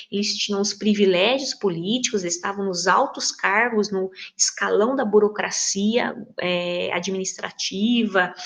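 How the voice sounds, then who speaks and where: A woman's voice: medium pitch, fairly bright tone. A woman teaching a history lesson over slides, speaking hesitantly with many fillers and self-corrections. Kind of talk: recorded lecture over slides.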